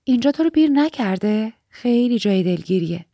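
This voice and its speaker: Woman narrator doing a clingy young wife, girlish and pleading, higher than her own voice, close and dry. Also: lively intonation, warm tone, no echo. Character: chatty, needy young married woman.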